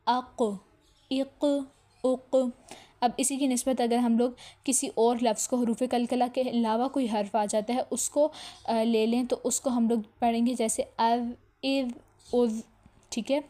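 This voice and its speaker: Female tajweed teacher, slightly high, mellow voice, patient step-by-step explaining, repeats letters for drill. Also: level tone. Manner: explains step by step and checks in with "theek hai" between points; sounds out single Arabic letters slowly and repeats them for practice. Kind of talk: online recorded lesson.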